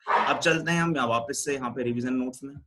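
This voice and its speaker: A young man with an Indian accent teaching a science lesson, mixing Hindi and English and slowly repeating key rules as he quizzes the class. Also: medium pitch, heavy background noise.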